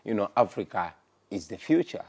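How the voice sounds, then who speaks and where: A man's voice: lowish voice, sing-song, moderate pace, gravelly, a little mellow. A man from Uganda, a musician guest speaking earnestly in a TV morning show interview. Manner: earnest, speaks in sweeping statements. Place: TV studio.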